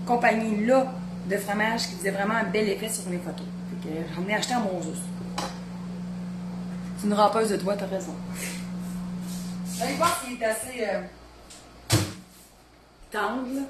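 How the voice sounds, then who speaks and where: A woman's voice: fairly high pitch, roomy sound, noisy background. A woman in her thirties with a Beauce Quebec French accent, chatting casually while she cooks in her home kitchen and rambling on with family off camera. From Quebec, Beauce region. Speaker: home cooking vlogger.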